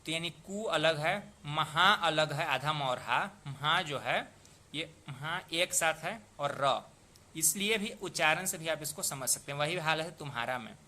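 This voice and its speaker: Male tutor, young adult, bright cutting tone, patient and methodical, sounds words out slowly. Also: fairly high pitch. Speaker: poetry meter teacher. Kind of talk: explanatory lesson.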